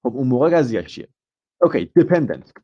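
A man's voice: medium pitch, very animated, mellow, husky, muffled recording. A man teaching an IELTS grammar lesson live, asking the class questions, explaining step by step and dropping in English example phrases.

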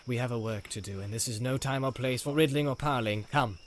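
A man voicing Faramir, a tall stern captain of soldiers, speaking low, measured and commanding. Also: lightly acted.

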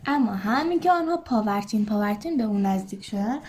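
Mellow woman reading a storybook. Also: mid-range voice, slight background noise. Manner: measured, expressive reading. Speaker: reader. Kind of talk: storybook narration.

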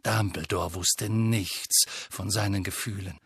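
A man reading an audiobook in slow, deliberate scripted narration. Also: lowish voice, steady tone, fairly bright tone, breathy edge, no echo.

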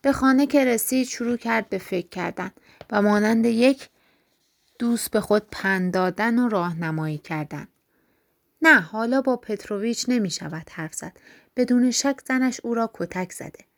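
A woman reading a story aloud in steady, measured narration. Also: fairly high pitch, gravelly. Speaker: audiobook reader. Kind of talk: scripted narration.

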